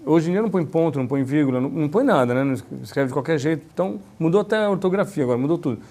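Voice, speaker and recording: A man with a mellow, somewhat higher voice. He talks in an animated, chatty way, acting out little dialogues and checking in with tag questions. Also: racing. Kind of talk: casual conversation.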